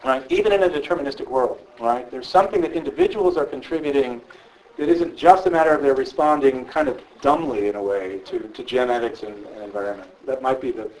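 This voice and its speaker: A man, a philosopher, answering audience questions in a thoughtful, conversational way, often checking in with a quick "right?". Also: mid-range voice, a little mellow, a little hiss or hum, poor audio. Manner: thoughtful, frequent "right?" tags. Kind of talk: conversational public Q&A.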